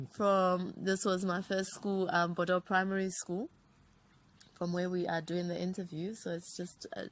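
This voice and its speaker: Recalling her childhood in a casual interview, a Zambian writer and producer in her thirties speaks in a mid-range voice. She is reflective and reels off long runs of names, and the recording is rough.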